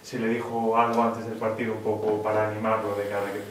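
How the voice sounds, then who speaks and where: Lower-voiced reporter in an echoey room. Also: male voice, completely flat delivery, quick pace, soft background music. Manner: long, winding questions. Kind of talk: press conference question. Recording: echoey room, distant from the mic.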